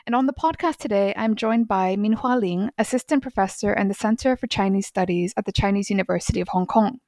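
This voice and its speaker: A woman's voice: medium pitch, fairly quick, a little mellow, dry recording. A woman hosting an academic book podcast, reading a formal, polished introduction and then asking interview questions. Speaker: podcast host.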